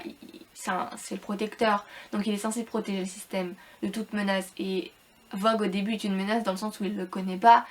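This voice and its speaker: A woman giving a casual, rambling book review to viewers, hesitant and repetitive, with informal slangy wording and slightly robotic, unclear speech because she is ill. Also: mid-range voice. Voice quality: slightly robotic, hard-to-understand speech from illness.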